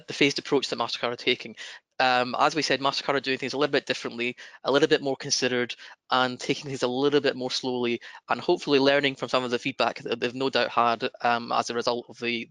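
A man with a broad Scottish accent presenting a webinar in a measured, explanatory manner. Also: mid-range voice, a bit bright, no room sound.

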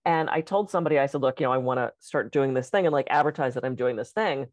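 A woman's voice: rumbling low, fast, dry recording. A woman podcast co-host and coach telling a candid story in a casual chat, swearing freely. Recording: dry, dull lo-fi sound.

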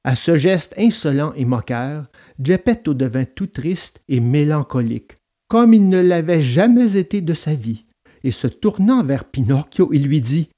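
A man narrating a children's storybook aloud in an expressive, dramatic read-aloud manner. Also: a little high, measured pace.

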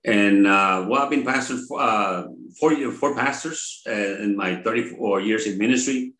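An older man from Mexico, a pastor, talking in an interview in a halting way with many pauses and fillers. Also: fairly low pitch, a bit bright. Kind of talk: conversational interview. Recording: roomy echo.

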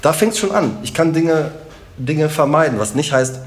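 Middle-aged man, Rhineland German accent, comedian guest, casual podcast chat, animated, jokey, emphatic. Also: a little high, normal speed.

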